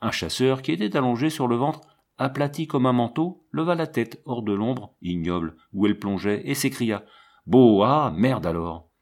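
A man narrating a literary novel as an audiobook, in a measured, expressive reading. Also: medium pitch.

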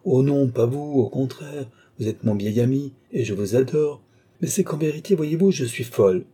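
A man's voice: medium pitch, animated, moderate pace, mellow, husky, voice pushed up. A man voicing a capricious, spoiled young countess, speaking with a petulant, raised voice. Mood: coaxing.

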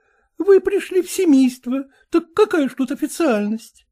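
A man doing a frank young woman who coaxes and insists, her mellow voice swinging up and down. She talks briskly and plainly, pressing her point in a storybook reading. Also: very high voice, expressive, pitched above the performer's own voice. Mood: coaxing. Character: lively, frank young woman setting terms.

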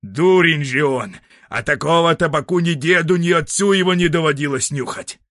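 A man voicing a grumbling old grandfather who digs for treasure and talks to himself in a gruff, exclaiming way. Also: fairly high pitch, normal speed, fairly bright tone, no echo, studio quality, pitched above the performer's own voice, natural voice.

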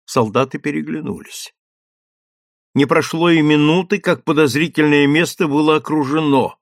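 A man narrating an audiobook in a steady, measured reading. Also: fairly high pitch, gravelly, dry recording, studio quality. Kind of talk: scripted narration.

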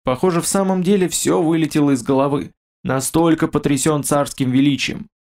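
A man narrating a fantasy audiobook with a steady, expressive reading. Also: fairly high pitch, a little fast.

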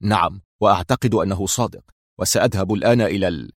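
A man's voice: sits low, fast talker, dry recording, studio quality. A man voicing a cold, stern male intelligence officer who speaks curtly, in a storybook reading. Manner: cold and curt.

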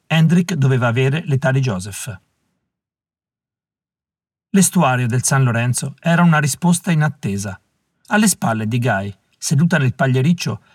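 A man narrating a novel aloud in a measured, calm reading voice. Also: mid-range voice, husky, no echo, clean studio sound. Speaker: audiobook reader. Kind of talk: scripted narration.

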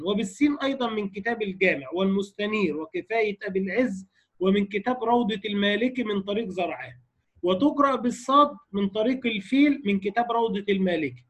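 A man's voice: high-pitched, husky. A man with an Egyptian accent lecturing on recitation variants, explaining point by point and checking in with his students. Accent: Egyptian Arabic. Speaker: Quran recitation teacher.

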